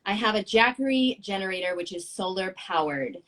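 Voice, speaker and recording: A woman in her thirties hosting a casual live-stream chat, excitable and quick to laugh, swearing casually. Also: mid-range voice. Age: 30s. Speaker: show host.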